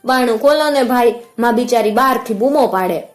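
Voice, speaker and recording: A tiny, clingy goat kid from a storybook, as a woman narrator puts it on, speaking high and childlike. The voice pleads and frets, and faint music sits in the background. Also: a little fast, lightly acted. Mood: pleading.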